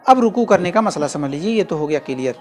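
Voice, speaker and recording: A man giving a patient, step-by-step spoken lesson, repeating key phrases slowly and carefully. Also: high-pitched, animated. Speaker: religious instructor. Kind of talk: instructional demonstration.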